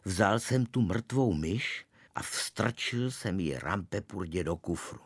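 Deep voiced guy reading a kids' story, deadpan, dry close recording. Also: breathy edge, no room sound. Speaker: narrator. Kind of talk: scripted narration of a children's story.

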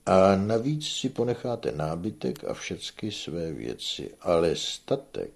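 A man's voice: low voice, lively intonation, a little mellow, slightly rough, heavily acted. A man voicing a shrewd, authoritative old peasant with a familiar, persuasive manner, in a read storybook.

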